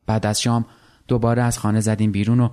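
Man, lowish voice, calm measured storytelling, literary reading.

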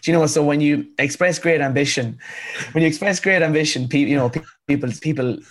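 A man's voice: fairly high pitch, brisk. Earnest young man, rural Irish accent. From County Cavan, rural Ireland. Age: 20s. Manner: earnest, emphatic, repeats phrases for effect. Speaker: interview guest, author. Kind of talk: conversational motivational storytelling.

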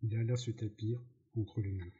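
A man reading a novel aloud, slowly, with slips and self-corrections, in a dull lo-fi recording. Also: fairly low pitch, steady tone, dark tone. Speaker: audiobook narrator.

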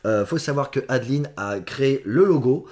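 A man's voice: mid-range voice, animated, moderate pace, a little mellow. A man hosting a casual podcast, joking crudely and teasing his guests. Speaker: host.

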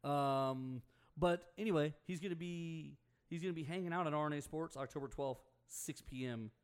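A man's voice: a little high, normal speed, smooth. A young man hosting a local sports radio show, chatting loosely with jokes and asides. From Houston area, Texas. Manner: joking, loose banter with asides. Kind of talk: casual sports radio chat.

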